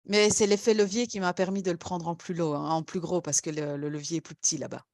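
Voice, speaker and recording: A woman's voice: lowish voice, steady tone, fast talker, darkish tone, dry recording, clean studio sound. A woman trader chatting on a live stream, explaining her position with fillers. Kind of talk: casual chat.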